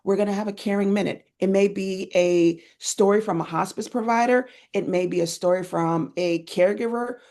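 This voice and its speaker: A woman's voice: normal speed, hardly any pauses. A woman guest in an interview, talking with enthusiasm and acting out little scenes as she tells them. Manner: enthusiastic storyteller, lively swings in pitch when retelling scenes. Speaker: guest, end-of-life doula educator. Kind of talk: conversational interview.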